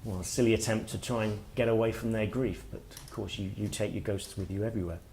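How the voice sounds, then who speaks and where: Guy, middle aged, author talking at a workshop, bit low voiced, thinks out loud, halting. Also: fairly even intonation, slight background noise. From Wales. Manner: reflective, halting, thinks aloud. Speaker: author and guest speaker. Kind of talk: workshop talk. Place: workshop room with listeners.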